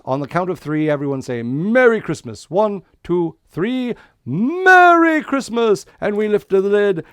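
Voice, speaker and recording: Give the listener a man acting as a friendly Santa who works like a children's party magician. His voice is gravelly and mid-to-low in the everyday male range, recorded close and dry. He talks in showy, inviting patter meant for kids. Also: a little mellow, no room sound, natural voice. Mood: showy, jolly. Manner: kids' party magician patter, drawn-out showy counting and reveals. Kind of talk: interactive children's visit over the internet.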